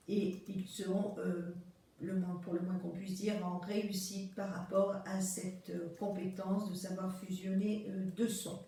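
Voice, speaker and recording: A woman gives a lecture commentary in a slow, measured voice with frequent hesitant pauses. Her tone is mellow and fairly flat. She sounds far from the mic in a very echoey room. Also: mid-range voice. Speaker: school inspector presenting classroom footage. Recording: distant echoey room with faint noise.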